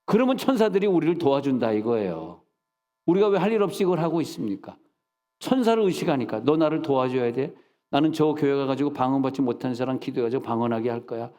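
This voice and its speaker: A middle-aged man preaching in a church service, telling animated stories and scolding with mock insults. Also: medium pitch, fast talker. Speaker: senior pastor. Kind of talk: sermon. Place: church sanctuary. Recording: long reverb of a church hall.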